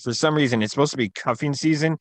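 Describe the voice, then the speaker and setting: A man's voice: medium pitch, quick pace, dry recording. A man co-host of a podcast, chatting casually and rambling through stories with lots of filler words. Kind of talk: casual chat.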